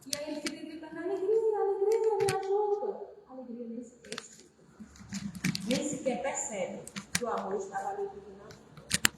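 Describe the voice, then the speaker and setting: A woman with a high voice preaching at a spiritist center, telling a parable expressively. The recording is very echoey and distant, with steady noise in the background. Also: a little fast. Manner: expressive, addresses listeners as brothers. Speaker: spiritist speaker. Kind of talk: sermon with parable storytelling.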